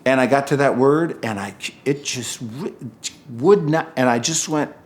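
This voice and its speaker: A man with a mid-pitched voice talks casually as an actor in an interview. He tells his story in an animated way, acting out bits of dialogue as he goes. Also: unhurried. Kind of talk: casual anecdote telling in an interview.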